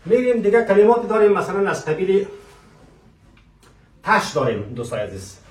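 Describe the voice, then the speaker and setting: Male French teacher, higher voice, quizzes and answers himself, echoey room with the mic set back. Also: very animated, far from the mic. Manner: asks rhetorical questions and answers them himself; slowly spells out French example phrases. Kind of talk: French lesson.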